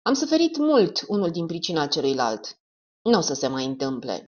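A grim, determined young investigator speaks low and firm, as a woman narrator voices him. His lines move with a lively rise and fall. The recording sounds dull and lo-fi, as from an audiobook. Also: heavily acted. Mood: tender. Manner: firm, dark-toned.

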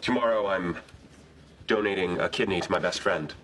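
An actor playing a man in his thirties who delivers cheesy pickup lines in a smooth, shameless way. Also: sits low, moderate pace, a bit bright, soft background music. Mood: flirty. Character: smooth-talking adult man, a shameless flirt in a bar. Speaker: sitcom character. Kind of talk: scripted sitcom acting.

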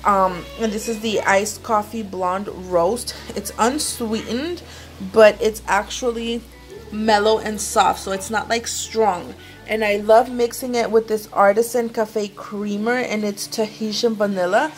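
A woman's voice: medium pitch, fairly even intonation, measured pace, faint music behind. A young woman vlogging from her home kitchen, chatting casually and switching between English and Spanish as she cooks. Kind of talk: casual cooking vlog chat. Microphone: handheld phone camera.

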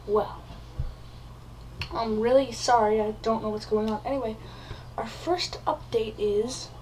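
A woman's voice: fairly high pitch, steady tone, measured pace, dark tone, a little hiss or hum, low-quality recording. A woman vlogger hamming it up in a comedy video, acting mock-frightened and repeating her words. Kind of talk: comedic vlog.

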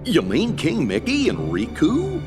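A man voicing Goofy, a dopey, good-natured male cartoon dog who talks slowly and stumbles over words. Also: fairly high pitch, huge pitch swings, loud music behind the voice. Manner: slow, dim-witted and stammering. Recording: long hall reverb.

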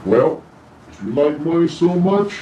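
A man's voice: a little high, animated, a little slow, dark tone, recorded from a distance, muffled recording, slight background noise. A young man hosting a game show, speaking to the camera from a little way off in a room. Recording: echoey room, off the mic.

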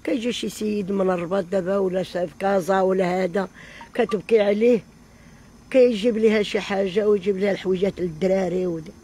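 A woman's voice: medium pitch, steady tone, fast, dark tone, breathy edge. An older woman with a Moroccan Arabic accent, pleading for help in an interview and calling on God often, recorded in an outdoor tent on a handheld mic. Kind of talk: pleading casual talk.

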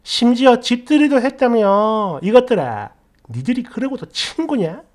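A woman's voice: a little high, sing-song, normal speed, darkish tone. A woman voicing a furious, foul-mouthed online commenter who scolds and swears. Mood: scolding.

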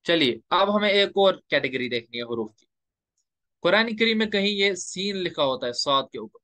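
A man teaching Quran recitation rules in a lecture, explaining step by step and slowing down to recite example verses. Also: high-pitched, expressive, bright, forceful tone, no echo.

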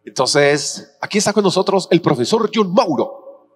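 A man preaching a sermon as pastor, telling personal stories animatedly and acting out the dialogue with shifting pitch. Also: lively intonation, moderate pace, slightly rough. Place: church auditorium. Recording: reverberant church hall with faint hum.

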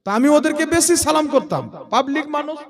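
A male preacher with a Jharkhand Bengali accent fields questions before a gathering. His voice sits high for a man, and he drives each answer home with rhetorical questions to his listeners. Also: a little fast. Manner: forceful, rhetorical, repeatedly checks the crowd's understanding.

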